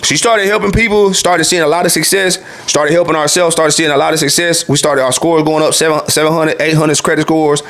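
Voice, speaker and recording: A man's voice: on the high side, steady tone, a little fast, hardly any pauses, fairly bright tone. A man in his late twenties, a former truck driver, telling his own story in a loose, profane, casual monologue full of "you feel me.". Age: 20s.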